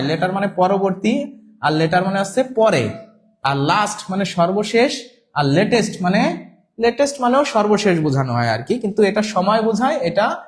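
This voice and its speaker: A man with a fairly high voice teaches a live online class. He explains step by step, repeats each word and spells words out letter by letter. He reads the viewers' comments aloud as he goes. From Bangladesh. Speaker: English teacher.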